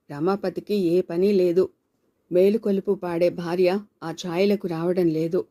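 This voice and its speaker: A woman narrating a novel as an audiobook in a steady, measured reading. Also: on the low side. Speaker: storyteller.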